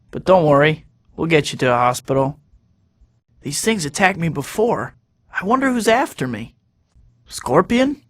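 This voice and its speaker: A man's voice: sits high, sharp tone, heavily acted. A young man voicing a quippy, upbeat superhero in a video game, firing off sarcastic one-liners. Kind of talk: game voice clips. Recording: long reverb on the game audio.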